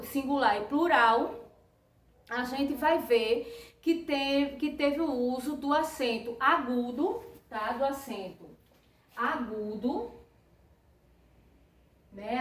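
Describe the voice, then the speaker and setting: A woman's voice: sits high, recorded from a distance. A Brazilian woman teacher giving a patient grammar lesson to children, checking in with a tag question after each phrase. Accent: Brazilian Portuguese. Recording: roomy echo, voice a bit off-mic.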